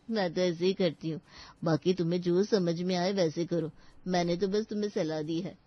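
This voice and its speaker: A woman's voice: on the low side, fairly even intonation, moderate pace, lightly acted. Breezy young sister-in-law, voiced by a woman. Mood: casual. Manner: casual, breezy advice-giving. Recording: dry, dull lo-fi sound.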